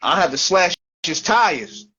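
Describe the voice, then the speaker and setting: A man's voice: high-pitched, lively intonation, measured pace, sharp tone, slightly rough, highs cut off. A man hosting a casual talk show, with loose, slangy talk that keeps repeating and restarting. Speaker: show host. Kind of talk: casual chat.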